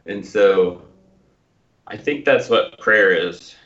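A middle-aged American man with a low, crisp-edged, forceful voice in a casual podcast discussion. He thinks aloud haltingly and self-deprecatingly, on slightly dull-sounding audio. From Tulsa, Oklahoma, United States. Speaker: podcast co-host.

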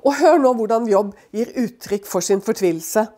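A woman's voice: mid-range voice, animated, dark tone. Chatty woman teaching from the Bible. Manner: chatty, many fillers and tag questions.

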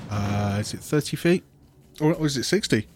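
A man's voice: medium pitch, expressive, normal speed, darkish tone. A man playing a tabletop game, tossing in dry, joking asides. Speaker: player. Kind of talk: casual tabletop game chat.

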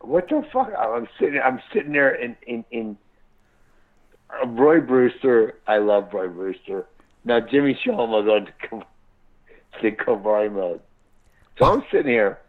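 A man's voice: mid-range voice, expressive, unhurried, long pauses. A man calling into a radio show over a crackly phone line that keeps breaking up, rambling, swearing and stammering through restarts. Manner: profane, stammering with many restarts. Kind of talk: rambling live call-in chat. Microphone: cell phone. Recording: tinny cell phone line.

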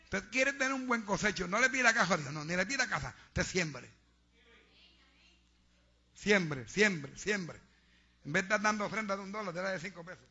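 A man preaches with fervor, calling out to the congregation and urging them on. His voice sits high and cuts through, sharp and bright. The recording is dull and lo-fi. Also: animated, normal speed, long pauses, husky. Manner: fervent, exhorting, preaching to a congregation. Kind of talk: sermon. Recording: dull lo-fi sound.

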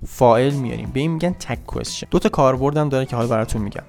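Gravelly male English teacher explaining fast. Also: mid-range voice, darkish tone, faint music behind. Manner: quick, explanatory, reads example sentences aloud. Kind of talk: grammar lesson podcast.

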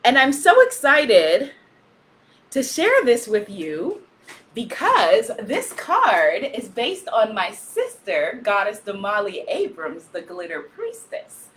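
A loud, exuberant woman hosting a live stream as an author, reading out viewer comments and cheering often. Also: mid-range voice, wildly swooping pitch, takes it slowly. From Guyanese-Caribbean family. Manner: frequent laughter, cheering chants.

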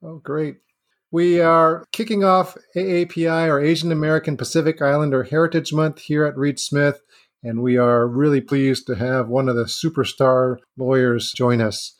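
Speaking at a moderate pace in a slightly high voice with fairly even intonation, this male podcast host interviews casually. His phrasing is loose and rambling as he meanders through his questions in a conversational interview.

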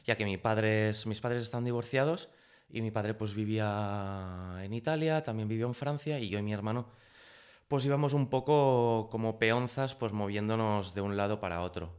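Casting: low-pitched man, thirties, from Spain, chatty interview guest who acts out quoted dialogue. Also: normal speed, a little mellow, clean tone. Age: 30s. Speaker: guest, pastry chef. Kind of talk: casual interview storytelling.

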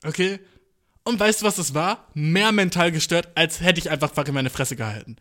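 Young male podcast host, slangy and self-mocking, slightly high voice, acts out his inner voice. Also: normal speed, pushed and bright. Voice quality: slangy, swears a lot, mixes in English. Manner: self-mocking, laughs often, acts out his own thoughts. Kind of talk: casual storytelling monologue.

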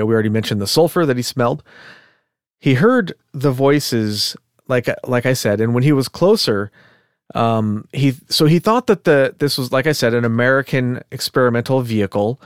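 In a relaxed podcast chat, a male co-host with a mid-pitched voice tells the story of a case, thinking aloud with filler words and side comments. The recording is dry and close-miked, with no room echo.

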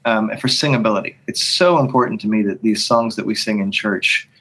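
A worship songwriter and leader, a man with a fairly low, husky, fairly bright voice, speaks a little fast in a podcast conversation. He thinks aloud, restarting often, and hums or sings snippets of melody to illustrate his points.

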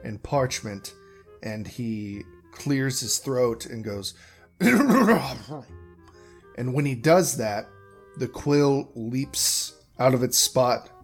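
A male game master narrating a tabletop game at an unhurried, drawn-out pace. He meanders and corrects himself mid-sentence, with faint guitar music playing behind him. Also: medium pitch, fairly even intonation. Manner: slow, meandering, self-correcting.

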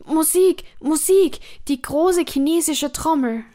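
A woman voicing a dying old emperor who cries out in fear and pleads loudly. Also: high-pitched, fairly even intonation, unhurried. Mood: desperate, pleading. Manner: crying out loudly and desperately.

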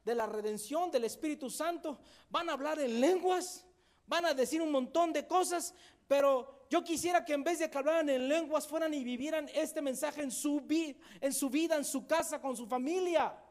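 A man preaching a sermon as pastor, fervent at times and then quietly meditative as he leads the congregation. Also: very high-pitched, moderate pace.

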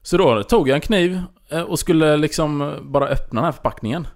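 A man's voice: on the high side, creaky. A man hosting a podcast, telling a story in casual chat and acting out what people said. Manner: animated storyteller, acts out dialogue. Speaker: podcast host.

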